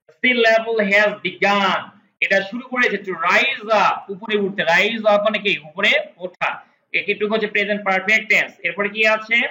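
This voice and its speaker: Male English tutor, high bright voice, slow repeated phrases, roomy echo. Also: steady tone. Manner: explains slowly, repeating English words and translating each. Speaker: English teacher. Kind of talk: spoken English lesson. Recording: echoey room.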